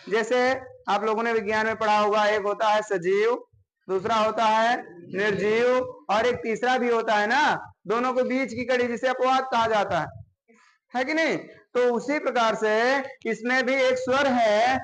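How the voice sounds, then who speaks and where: High-voiced man teaching a class. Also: fairly bright tone, rough recording. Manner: explains step by step, often checking with "है ना?". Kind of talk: classroom grammar lesson.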